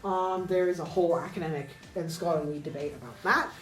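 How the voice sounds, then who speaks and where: Low-voiced woman teaching pronunciation. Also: brisk, roomy sound, faint music behind, low-quality recording. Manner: thinks aloud with many fillers and self-corrections. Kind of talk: casual whiteboard lesson.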